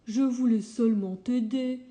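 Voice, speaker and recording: A woman voicing a kind, gentle wolf in a storybook tale, speaking slowly and sadly. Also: mid-range voice, close to an everyday voice. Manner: slow, sorrowful and gentle.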